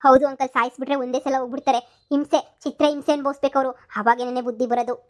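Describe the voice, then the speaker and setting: A woman's voice: high voice, level tone, quick pace, a little mellow, natural voice. Woman voicing a chatty young girlfriend. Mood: gossipy. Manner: chatty, gossipy. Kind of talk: cartoon comedy dub.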